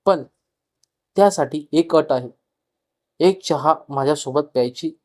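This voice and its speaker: A man's voice: fairly high pitch, unhurried, a little mellow, no echo, clean studio sound, natural voice. A man voicing a cheerful, talkative young woman neighbor who speaks in a playful, teasing way.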